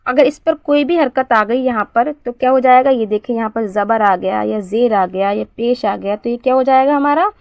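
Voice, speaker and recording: The recording is dry and muffled, capturing a woman with a slightly high voice teaching novices to read the Quran. She answers the questions she raises and practices syllables with slow, clear repetition.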